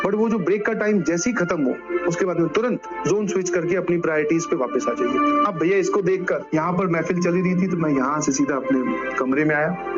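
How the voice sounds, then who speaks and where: A man's voice: high voice, highs cut off. A male coaching teacher giving a motivational lecture to students. He tells stories and talks to them directly, scolding them at times.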